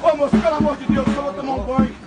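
An older man pleading desperately and repeating himself, in a very high strained voice. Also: flat delivery, racing, darkish tone, soft background music. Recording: phone video outdoors with crowd and noise.

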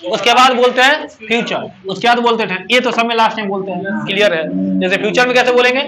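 A man's voice: sits high, quick pace, crowd noise. A male teacher, leading a grammar lesson and firing questions at his students for call-and-response answers. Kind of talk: classroom English grammar lesson.

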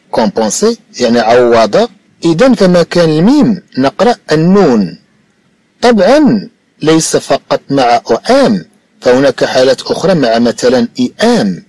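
Guy teaching kids, slow and repetitive, husky, dry close mic. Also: mid-range voice, darkish tone, no echo. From Morocco. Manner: slow and repetitive, says each point twice, reads French syllables slowly. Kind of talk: recorded lesson, explaining French to children in Arabic.

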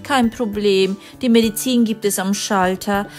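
A woman voicing a relaxed, blunt male doctor in a kids' animated story. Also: mid-range voice, a little slow, faint music behind, voice pushed down, natural voice. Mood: offhand. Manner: casual, dismissive.

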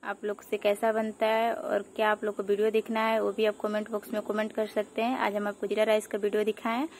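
A woman's voice: medium pitch, monotone, brisk, a little mellow, a little hiss or hum. A woman hosting her home cooking channel, explaining each step in a chatty, repetitive way while she cooks in her kitchen, filmed on a phone. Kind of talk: casual cooking tutorial.

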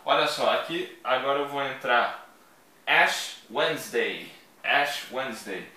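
A man teaching English vocabulary in a chatty video lesson, repeating each word slowly for his learners. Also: mid-range voice, sharp tone. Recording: echoey room, voice from a distance.

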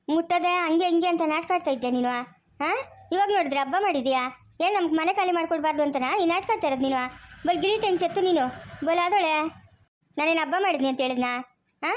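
A woman playing a quarrelsome, jealous village housewife who rants and curses nonstop in a comedy skit, with a rural Chikkaballapur Kannada accent. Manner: shrill, rapid, nonstop ranting and cursing. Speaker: actor in a family comedy skit.

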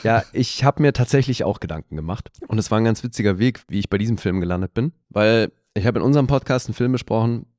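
A man hosting a podcast, talking about a film in a relaxed, rambling way. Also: fairly low pitch, quick pace, few pauses, no room sound, studio quality. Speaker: podcast host. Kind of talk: casual film podcast chat.

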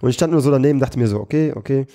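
A man's voice: medium pitch, racing, mellow. A man being interviewed as a comedian and battle rapper, talking casually in a slangy way full of fillers and restarts.

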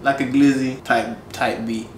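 British accent, young man, playful teasing host, mid pitch, roomy sound. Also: level tone, a little slow, heavy background noise. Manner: playful, teasing, laughs often. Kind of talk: casual chat. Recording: roomy echo.

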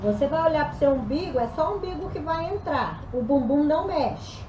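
A woman's voice: high-pitched, animated, fairly quick, darkish tone, reverberant, a little hiss or hum, poor audio. A woman teaching a live pilates class at home, counting reps aloud while exercising and getting out of breath, her voice faltering. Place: room at home.

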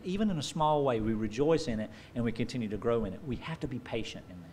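With a medium-pitched voice and slight background noise, a man in his forties preaches a sermon. He's a pastor at a lectern on a church stage with a dark curtain, speaking into a stand mic, telling stories with animation and acting out the voices he quotes.

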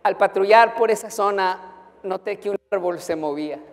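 Pastor with a humorous storytelling style. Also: male voice, sits high, moderate pace, gravelly. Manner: humorous, animated storytelling with acted dialogue. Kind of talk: storytelling sermon. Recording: long hall reverb.

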